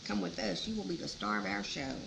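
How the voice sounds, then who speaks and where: A scheming puppet master from a children's storybook, played by a woman. He is commanding and gloating, with swooping pitch and a gravelly edge. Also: expressive, brisk, background noise. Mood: coaxing.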